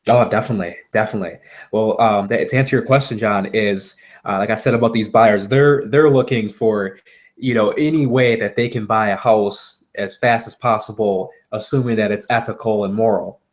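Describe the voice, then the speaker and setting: A man from Wisconsin with a Midwestern accent, talking through a sales pitch in a halting, agreeable way, repeating words as he goes. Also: steady tone. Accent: American Upper Midwest. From Wisconsin, United States. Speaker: real estate seller pitching to a homeowner. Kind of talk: conversational phone sales call.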